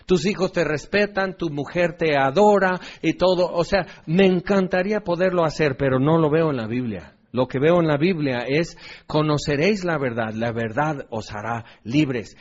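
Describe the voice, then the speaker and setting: A man teaching a Bible study in a conversational way, often asking rhetorical questions and checking in with his listeners. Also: fairly high pitch. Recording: dull lo-fi recording.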